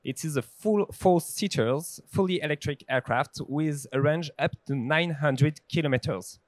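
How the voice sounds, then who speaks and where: A man, giving an upbeat startup pitch into a handheld mic at an exhibition. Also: moderate pace, no echo. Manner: upbeat, promotional, with filler "uh"s. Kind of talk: short stage pitch. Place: exhibition stage in a large hall.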